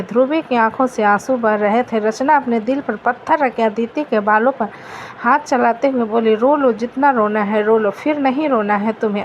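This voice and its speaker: A woman narrates a story in a steady reading voice. Her pitch sits a bit high. The recording is dull and lo-fi, with a faint hiss underneath.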